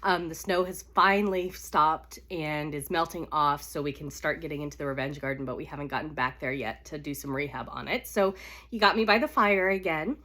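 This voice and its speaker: At home by a fire, a woman congested with a cold reads romance novels aloud live, casual and unedited. Her low voice is a little fast, pushed and bright.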